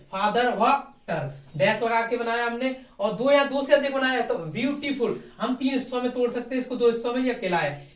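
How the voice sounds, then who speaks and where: Man teaching grammar in an echoey room. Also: extremely high pitch. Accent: Hindi. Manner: repeats questions and answers them himself. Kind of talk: classroom grammar lesson. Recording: echoey classroom from far off.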